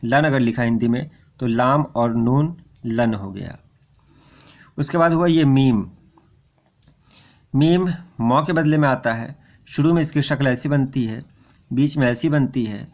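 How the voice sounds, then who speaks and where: A man's voice: mid-range voice, unhurried, pauses often. Patient male Urdu script teacher. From India. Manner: patient, repetitive, points at the board. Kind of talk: explaining letters step by step.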